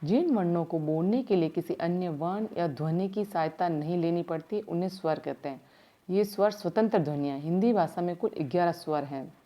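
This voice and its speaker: A woman teaching primary school grammar in a slow, step-by-step way, asking her class questions as she goes, with words her speech. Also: lowish voice, warm tone. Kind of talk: recorded grammar lesson.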